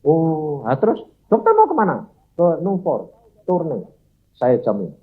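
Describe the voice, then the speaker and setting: An older man from Indonesia preaching a sermon, telling stories and shouting out acted quotes. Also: fairly high pitch, huge pitch swings, measured pace, phone-quality sound, slight background noise. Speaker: pastor. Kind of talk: sermon with storytelling.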